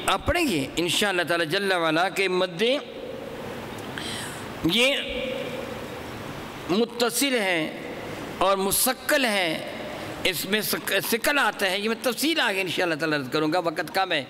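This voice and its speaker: A man teaching a Quran recitation class, chanting example verses slowly and quizzing his students. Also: high voice, lively intonation, long reverb tail, a little hiss or hum. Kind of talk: classroom religious lesson on recitation.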